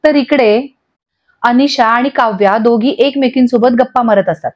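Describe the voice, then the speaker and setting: A woman narrates a TV serial recap in a brisk storytelling manner. Her voice sits on the high side, and the recording sounds dull and lo-fi. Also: darkish tone. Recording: dull lo-fi audio.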